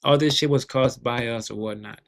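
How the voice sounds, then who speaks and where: A man's voice: mid-range voice, a little fast. A man giving casual, rambling market commentary, swearing heavily and often restarting his sentences. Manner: profane, rambling, heavy swearing; repeats words and restarts often.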